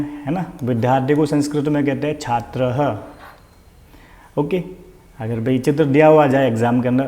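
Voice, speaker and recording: A man's voice: mid-range voice, dark tone. A man teaching an online Sanskrit vocabulary lesson, patient and repetitive, who asks the listener questions and then answers them.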